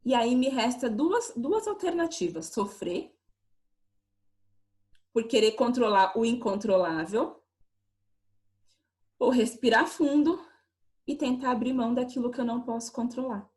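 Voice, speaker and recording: Woman, lecturer, online call, higher pitch, explanatory, rhetorical questions. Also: lively intonation, a little slow, long pauses, a little mellow.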